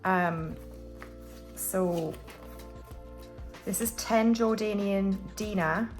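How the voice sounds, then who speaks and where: Medium-pitched and speaking extremely slowly over faint music, a UK woman in her forties films a budgeting vlog. She chats casually and rambles as she stuffs cash envelopes, with frequent restarts and fillers.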